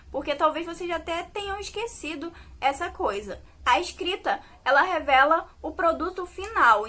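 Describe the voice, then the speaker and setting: Bright-voiced Brazilian woman teaching. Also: sits high. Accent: Brazilian Portuguese. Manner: explanatory, checks in with "né?" and "tá?". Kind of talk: recorded video lesson.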